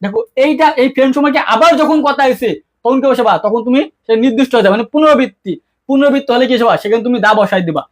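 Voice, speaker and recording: A man teaching an English grammar lesson, constantly asking his students questions and answering them himself in a casual, colloquial way. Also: very high voice. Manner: quick-talking, keeps asking students questions; colloquial, mixes English terms into speech. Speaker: English tutor. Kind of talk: online exam-prep lesson.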